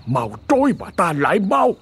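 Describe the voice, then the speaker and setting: A man's voice: high-pitched, sing-song, takes it slowly, husky, pitched above the performer's own voice, exaggerated voice. A male narrator voicing a stern old exorcist, barking commands to hold firm. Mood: commanding. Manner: barked commands. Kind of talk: storytelling with character voices.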